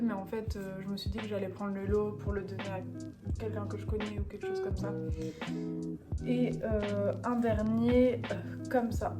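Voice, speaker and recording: Chatty young woman vlogging over music. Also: a little high. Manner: chatty, filler-heavy, upbeat. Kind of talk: casual vlog chat. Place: home rooms, indoors. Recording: loud background music.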